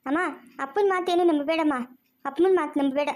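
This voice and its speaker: A woman's voice: high voice, a little fast, a little mellow, close to an everyday voice. An actress playing a young daughter pleading urgently with her mother. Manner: pleading, insistent. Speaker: actor in a family drama.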